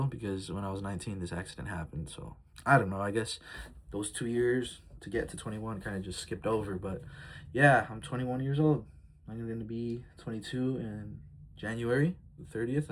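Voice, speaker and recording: A man of twenty-one shares a casual confessional vlog to his phone camera, rambling in a heartfelt, reflective way and leaning on frequent fillers. His voice is lowish and moderately paced.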